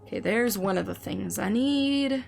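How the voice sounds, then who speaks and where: Reading and answering her chat, a woman streamer commentates on live gameplay in a slightly hoarse, recovering voice. She keeps a measured pace, and her medium-pitched tone is a little mellow. A bit of hiss or hum sits under the recording.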